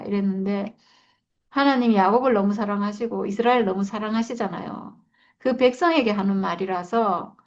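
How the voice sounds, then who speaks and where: A woman's voice: medium pitch, darkish tone. A woman leading a Bible study, reading verses and explaining them in a reflective, repeating way. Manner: reflective, repeats and stresses points. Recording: slightly dull lo-fi sound.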